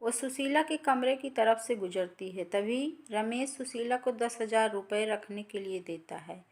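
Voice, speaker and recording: Woman narrating a family story. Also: a little high.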